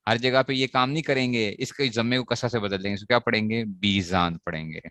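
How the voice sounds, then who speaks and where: A man's voice: fairly low pitch, fairly even intonation, brisk, a bit bright, dry recording. A man teaching a grammar lesson to students, asking questions and answering them himself as he repeats the key points. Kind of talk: classroom lecture on Arabic grammar.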